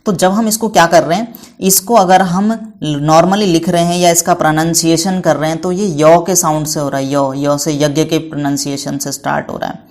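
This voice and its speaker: Speaking at a moderate pace in a level, slightly high, somewhat mellow voice, a man gives children a patient English lesson. He asks questions only to answer them himself and spells out words letter by letter, calling the students "beta" with affection.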